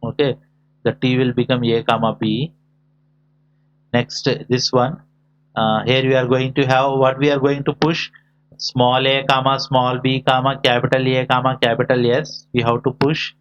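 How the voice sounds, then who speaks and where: A man teaching a lesson, dictating notation symbol by symbol and posing short questions as he works through it step by step. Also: medium pitch. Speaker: lecturer teaching a class. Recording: dull, lo-fi audio.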